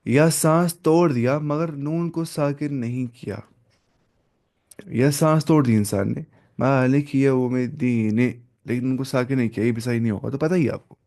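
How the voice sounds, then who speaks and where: A man's voice: mid-range voice, moderate pace, mellow. A man teaching a recitation lesson, explaining each rule and repeating points, with a few English words mixed in.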